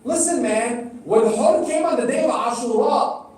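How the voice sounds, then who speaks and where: At a religious gathering in a big hall, a middle-aged preacher whose first language is Arabic speaks in a very high, unhurried voice with a darkish tone. He talks straight to the crowd, posing questions and repeating lines for emphasis, captured from afar amid the hall's echo.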